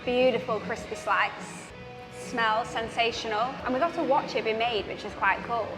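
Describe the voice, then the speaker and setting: A woman's voice: a little high, normal speed. A young woman from England, chatting upbeat on a travel vlog and describing food with enthusiasm. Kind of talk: casual travel vlog chat. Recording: music playing under the voice.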